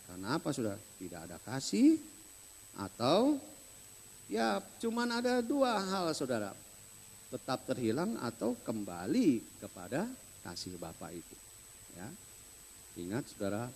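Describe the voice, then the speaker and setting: Man, pastor, sermon, animated pitch, asks the congregation questions, long church-hall reverb. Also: vocal fry, slight background noise.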